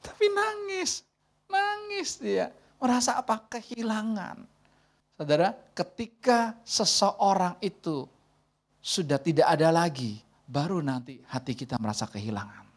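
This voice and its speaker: A woman in her forties, a pastor giving a lively sermon in a conversational, way, acting out quoted dialogue. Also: low voice, moderate pace. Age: 40s.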